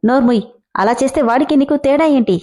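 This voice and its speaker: A stern, hot-tempered middle-aged father scolds his son harshly in a storybook reading, as a woman puts him on. The voice sits fairly high and mellow, never gruff or deep. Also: fast. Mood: angry.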